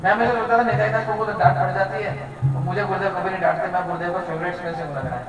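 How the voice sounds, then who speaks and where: A man's voice: high voice, fairly even intonation, rapid-fire, far from the mic. Guy giving a devotional talk, really echoey hall, music going behind. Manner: earnest, storytelling, mixes English words. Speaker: devotee speaker.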